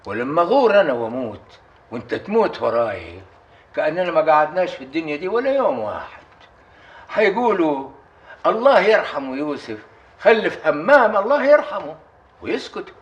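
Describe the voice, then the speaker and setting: A stubborn bedridden old chief. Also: male voice, on the high side, big pitch swings, fairly quick, highs cut off. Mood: scolding. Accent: Upper Egyptian. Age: older. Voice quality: commanding, scolding. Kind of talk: period TV drama acting.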